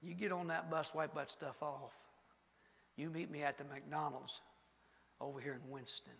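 A preacher tells a story from the pulpit, asking the congregation questions and acting out scenes as he goes. His voice sits a touch high for a man. It rings through the long reverb of a church sanctuary. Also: moderate pace, gravelly. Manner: animated, rhetorical questions, acts out the story. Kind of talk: sermon with storytelling.

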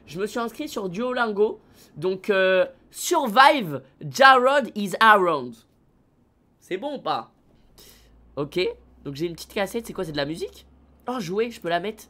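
A man live-streaming a video game, excitable and slangy, talking straight to his chat. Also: sits high, moderate pace.

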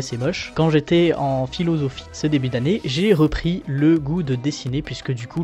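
A young man from France flipping through his sketchbook in a relaxed, self-mocking way, with lots of fillers. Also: fairly high pitch. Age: young adult. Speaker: artist showing his sketchbook. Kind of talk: casual commentary.

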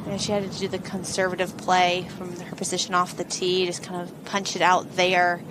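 A woman's voice: fairly low pitch, completely flat delivery, moderate pace. A woman giving live golf commentary as an analyst, explaining shots in a conversational way. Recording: outdoor course ambience noise behind voice.

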